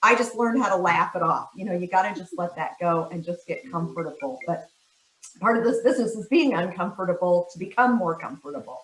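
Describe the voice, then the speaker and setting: A woman's voice: fairly low pitch, lively intonation, fairly quick, a bit bright. A woman panelist giving casual, plain-spoken advice. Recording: roomy, echoey sound.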